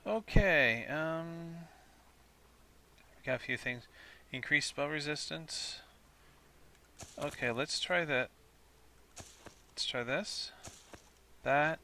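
A tired let's play host chatting casually over gameplay, self-mocking and thinking aloud. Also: male voice, a little high, slow, pauses often, bright, forceful tone, slight background noise.

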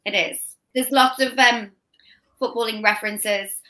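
A young actress from Liverpool with a Scouse accent chats about her role as a guest on a video call from a room at home. Her voice is a little high, bright and forceful with fairly even intonation. It's casual interview chat, full of quick restarts and laughing asides.

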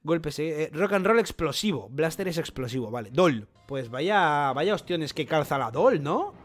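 A young man with a Spain Spanish accent talks through a manga chapter in a bright, high voice that leaps up and down. He jokes and swears freely as he reacts. Faint music plays behind him. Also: normal speed. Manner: animated, swearing, jokey. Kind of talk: excited reaction commentary.

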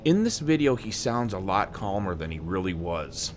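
A man's voice: sits low, very animated, moderate pace, a little hiss or hum. A man narrating a documentary in a conversational storytelling style.

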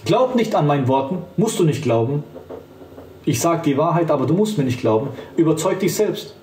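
Emphatic male evangelist, fairly high voice, picked up from some distance. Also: big pitch swings, brisk, dark tone, a little hiss or hum. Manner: fervent, emphatic, addresses the listener directly. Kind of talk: street-style preaching to camera. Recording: roomy sound, voice from a distance.

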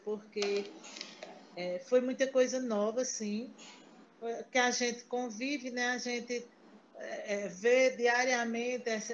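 A woman talks over a video call in a chatty, rambling way, restarting her sentences often. Her voice sits a little high. The sound is muffled like a laptop mic. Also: a little hiss or hum. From Paraíba, Brazil. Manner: chatty, storytelling, many restarts. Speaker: meeting participant. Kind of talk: casual chat on a video call.

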